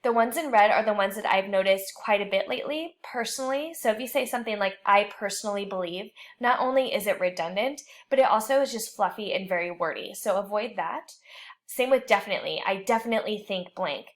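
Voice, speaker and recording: A woman instructor walks her class through writing rules in a recorded online lecture. Her delivery is clear and explanatory, at a medium pitch, with a light joking touch now and then. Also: brisk.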